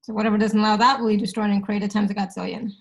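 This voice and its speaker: A woman's voice: medium pitch, little pitch movement, racing. A woman from India who grew up in Canada, leading a workshop in a chatty, easygoing way with frequent "right?" asides. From India, raised in Canada. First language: Hindi. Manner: chatty, laughs often, says "right?" a lot. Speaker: facilitator leading clearings. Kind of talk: casual workshop talk in English.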